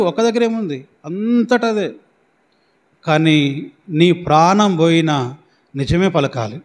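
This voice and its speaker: High-voiced pastor preaching in a reverberant hall. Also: male voice. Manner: preaching with questions to the congregation; repetitive, emphatic delivery. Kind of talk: sermon.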